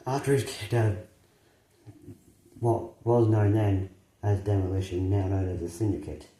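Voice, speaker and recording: A man playing a brash, taunting wrestling champion in a promo, speaking a little haltingly. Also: on the low side, fairly even intonation, dark tone, reverberant, natural voice, rough recording. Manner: cocky, taunting, halting delivery. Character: brash male wrestling champion calling out a rival.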